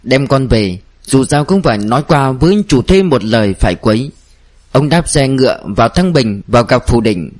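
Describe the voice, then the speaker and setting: A man narrating a novel in a steady storytelling voice. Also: medium pitch. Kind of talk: audiobook narration.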